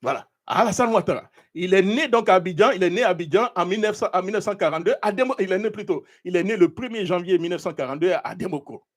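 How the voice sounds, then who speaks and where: A man hosting a live talk show, giving indignant political commentary while looking things up online. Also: high voice. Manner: animated, indignant, searching online while talking. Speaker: show host.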